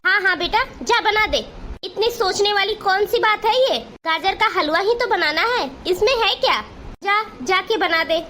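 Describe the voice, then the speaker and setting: A woman's voice: extremely high pitch, lively intonation, measured pace, pushed and bright, a little hiss or hum, heavily acted. A woman voicing an indulgent middle-aged mother in a Hindi cartoon, coaxing and placating. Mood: insistent.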